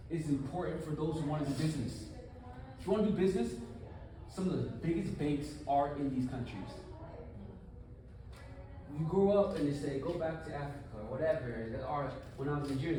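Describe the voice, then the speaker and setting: Male speaker, conference talk, lively and chatty, fairly high voice, heard from a distance in a reverberant hall. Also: normal speed, a little hiss or hum. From United States. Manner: animated, conversational, rhetorical questions. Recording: echoey room, from far off.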